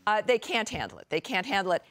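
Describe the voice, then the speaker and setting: A woman's voice: medium pitch, very animated, fast, a bit bright. A woman on a comedy talk panel, speaking animatedly with frequent fillers.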